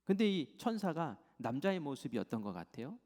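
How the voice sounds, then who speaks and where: A man preaching a sermon as pastor, telling the story dramatically and swinging from loud declarations to near whispers. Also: on the high side, big pitch swings, a little fast, long reverb tail.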